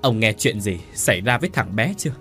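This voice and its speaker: A man's voice: fairly low pitch, expressive, fairly quick, a bit bright, faint music behind. A man voicing a cruel, spiteful old mother-in-law who shrieks and hisses insults in a storybook tale. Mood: gossiping.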